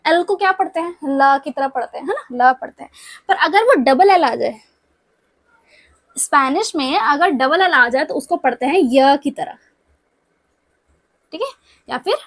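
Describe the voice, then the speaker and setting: A woman's voice: high voice, a bit bright, dry recording. A young woman teaching a language lesson, explaining step by step and often checking whether her students follow.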